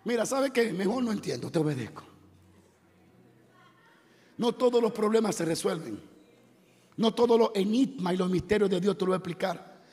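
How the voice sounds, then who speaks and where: High-voiced male pastor in a reverberant hall. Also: expressive, normal speed, long pauses. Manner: impassioned, conversational preaching with shouted exclamations. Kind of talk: sermon. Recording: long reverb of a large hall.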